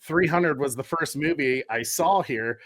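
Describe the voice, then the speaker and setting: A man's voice: a little high, a little slow, fairly bright tone, no room sound, studio quality. A man in his thirties, a podcast guest, telling stories in a rambling, easygoing way with many fillers. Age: 30s. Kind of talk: casual chat.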